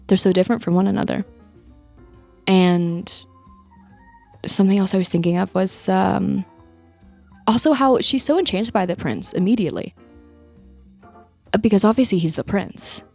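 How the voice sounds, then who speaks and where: Animated young woman retelling a film. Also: mid-range voice, moderate pace, gravelly, long pauses, soft background music. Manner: animated, acts out quotes with laughs. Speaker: podcast co-host. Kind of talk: casual chat retelling a film.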